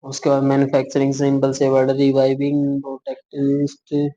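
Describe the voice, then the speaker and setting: A man teaching shorthand, spelling words out letter by letter, asking if it is clear and correcting himself as he draws. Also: mid-range voice, completely flat delivery, normal speed, warm tone. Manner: calls students "beta", corrects himself as he draws. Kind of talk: explaining shorthand outlines for dictation words. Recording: muffled lo-fi recording.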